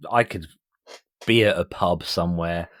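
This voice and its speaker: A man's voice: low-pitched, unhurried, a bit bright, dry recording, clean studio sound. A middle-aged man, chatting casually and telling anecdotes as a music show host. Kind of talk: casual chat.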